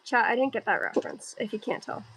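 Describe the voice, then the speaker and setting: A woman's voice: a little high, very animated, quick pace, fairly bright tone, husky. A young woman chatting casually on a livestream while drawing, giggly and blunt, swearing often.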